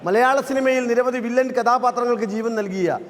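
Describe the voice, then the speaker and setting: A male stage compere introduces acts in a brisk, announcing manner. His voice is very high and quick. It rings through a long-echoing stage hall.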